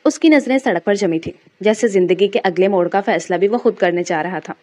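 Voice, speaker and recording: Woman reading a romance story aloud, measured, mid voice. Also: mid-range voice, mellow. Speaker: narrator. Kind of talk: scripted narration of a romantic audio novel.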